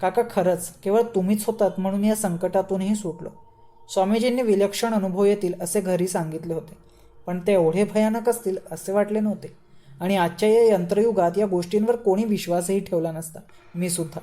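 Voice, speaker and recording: An eager young man speaks earnestly, full of curiosity. A woman reads him aloud in a storybook reading. Her voice stays mellow. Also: mid-range voice, fairly quick, lightly acted.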